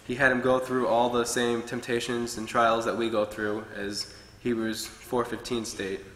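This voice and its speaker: A young man preaches earnestly from his notes at a pulpit. His voice is bright and forceful. The sound carries a long reverb from a large, echoey church hall. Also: mid-range voice, flat delivery, a little slow. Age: young adult. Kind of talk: sermon. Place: church hall with wood-paneled walls.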